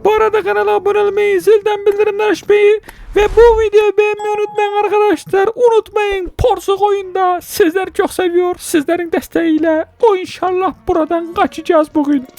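A woman hosting a let's-play game commentary, excitable and joking, with constant exclamations and banter aimed at her viewers. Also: very high voice, brisk, creaky, faint music behind. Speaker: gaming channel host.

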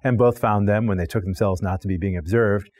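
A man's voice: on the low side, steady tone, brisk, a little mellow, no echo. Middle-aged man giving a philosophy lecture. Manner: unscripted explaining with frequent restarts and repeated words. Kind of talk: recorded online course lecture. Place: studio with plain backdrop.

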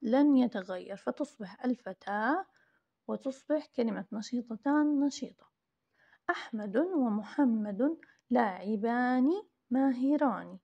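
A woman teacher reviewing grammar for young pupils, drawing words out slowly and praising often in a recorded lesson. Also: fairly high pitch, gravelly, lo-fi sound. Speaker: primary school teacher.

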